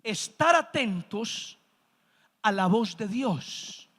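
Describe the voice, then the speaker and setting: A man's voice: high-pitched, lively intonation, drawn-out words, a bit bright. A man pastor delivering a sermon, preaching with rising emphasis and calling the congregation to say amen, in a church sanctuary. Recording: long church hall reverb.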